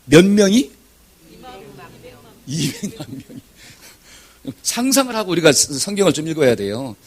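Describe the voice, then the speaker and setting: A man preaches a Sunday sermon in a high, lively voice that swoops across a wide range. His tone is slightly husky and breathy. He keeps asking his congregation questions and breaks into shouted examples. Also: a little slow. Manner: asks the congregation questions and leads scripture reading. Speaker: pastor. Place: church sanctuary.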